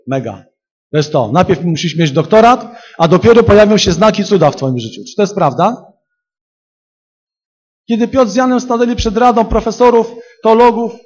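A man preaching a charismatic sermon to a congregation in a church hall. He rises to loud, emphatic peaks and drops to quiet storytelling. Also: high voice.

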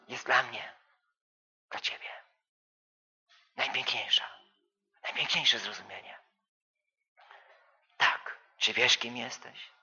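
A man preaching a sermon, full of rhetorical questions and repetition, swinging from soft to loud. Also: medium pitch, breathy edge, highs cut off.

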